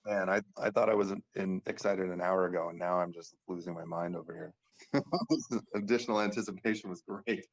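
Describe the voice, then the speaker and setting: A man hosting a live audio call, relaxed and upbeat, talking with easy fillers. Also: sits low, brisk. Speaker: community host. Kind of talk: casual live audio chat. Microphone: computer or phone on a live audio call.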